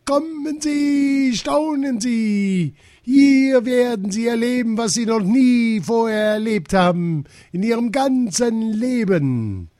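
Ein eitler Zirkusdirektor, der seine Ansprachen in sehr hoher, krähender Stimme langsam ausruft. Aufgeblasen und würdevoll, in trockenem Klang. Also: male voice, animated, takes it slowly, dry recording, full character voice. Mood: grandly declaiming. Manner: grandly declaiming, crowing falsetto shouts. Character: pompous male circus director, loves giving speeches.

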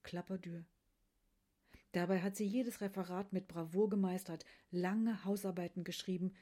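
A woman narrating a literary story in a hushed way, often dropping to a whisper. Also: fairly low pitch.

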